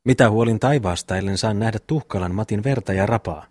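A man's voice: lowish voice, darkish tone, no room sound, studio quality, lightly acted. A man reading as a boastful, hot-headed farmhand brother. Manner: boastful, blunt storytelling. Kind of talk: audiobook reading of a classic novel.

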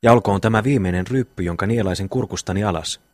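A man's voice: lowish voice, darkish tone, no room sound, natural voice. A man voicing a dazed young man who speaks solemnly and ominously after a fright. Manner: solemn, prophetic talk.

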